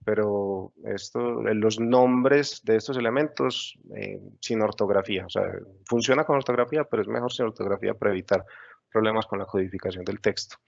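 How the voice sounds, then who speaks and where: Gravelly low-voiced man teaching. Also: brisk, lo-fi sound. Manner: patient step-by-step explaining with frequent fillers. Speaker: software instructor. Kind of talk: screen-share webinar tutorial.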